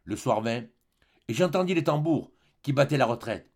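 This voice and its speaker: A man's voice: mid-range voice, normal speed, husky. A man reading a classic novel aloud as a volunteer audiobook narrator, telling it expressively. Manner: expressive storytelling. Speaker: audiobook reader. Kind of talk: scripted narration.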